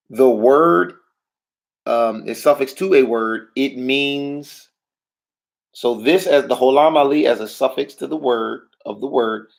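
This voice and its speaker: A man's voice: medium pitch, vocal fry. A man teaching a language lesson to a class. He keeps checking in with "right?" and puts questions to the students. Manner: checks in often with "right?" and "all right?"; asks the class questions and waits. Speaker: Hebrew teacher.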